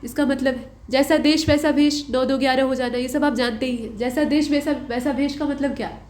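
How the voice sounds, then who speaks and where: A young adult woman teacher walking through exam answers in a patient lesson, repeating key points. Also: high-pitched. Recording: roomy echo.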